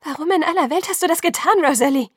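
A woman reading an audiobook, voicing a sharp-tongued, fierce young woman with cutting, clipped lines. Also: fairly high pitch, fairly quick, dry recording, clean studio sound, pitched above the performer's own voice. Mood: angry.

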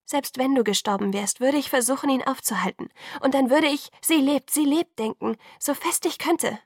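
A woman's voice: high voice, moderate pace, no echo, studio quality, voice pushed up. A woman voicing an anxious young woman who speaks urgently and often drops to a whisper. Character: anxious young woman pleading in hushed tones.

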